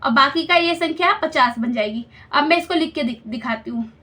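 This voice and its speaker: A woman's voice: high-pitched, moderate pace, bright, forceful tone. A woman teaching a school maths lesson step by step, patiently explaining and checking understanding with questions.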